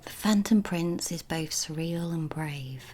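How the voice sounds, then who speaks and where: A woman speaking in a breathy, unvoiced ASMR whisper, as the host reading and talking to her listeners. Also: sits low, unhurried, a little mellow, a little hiss or hum.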